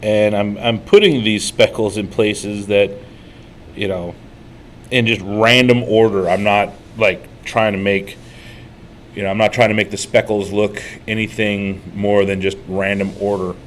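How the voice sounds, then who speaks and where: Male co-host, low voice, rambling casual tutorial chatter, faint room hum. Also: steady tone, measured pace, rough recording. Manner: rambling, storytelling, frequent fillers. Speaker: co-host painting miniatures. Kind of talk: casual painting tutorial chat.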